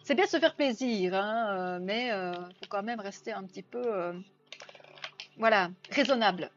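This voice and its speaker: A woman's voice: medium pitch, a little slow, a little hiss or hum. A woman from Belgium with a Belgian French accent chatting on a live stream, reading viewer comments aloud and answering them. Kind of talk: casual live-stream chat. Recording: dull lo-fi sound with faint music.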